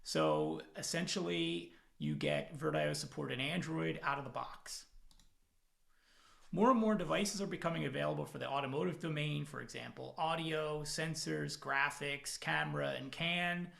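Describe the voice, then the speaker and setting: Over an evening video call from home, a product manager delivers a technical conference presentation at a moderate pace. His voice is a little high and creaky, and he sounds relaxed and self-deprecating, using lots of fillers.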